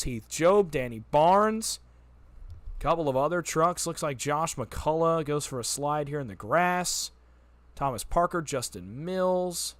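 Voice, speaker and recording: A man calling a race as the play-by-play announcer, rattling off positions quickly and building excitement on big moments. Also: fairly high pitch, no echo. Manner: rapid-fire, auctioneer-like calling when the pack is close. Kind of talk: sim racing play-by-play commentary.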